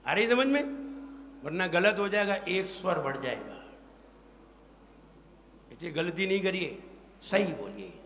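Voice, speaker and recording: A man teaching a congregation how to pronounce a verse, drilling each sound slowly and chanting the lines for them to repeat. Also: sits high, animated, fairly bright tone, a little hiss or hum. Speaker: monk teaching recitation. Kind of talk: pronunciation lesson within a sermon. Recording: echoey hall with faint ambience.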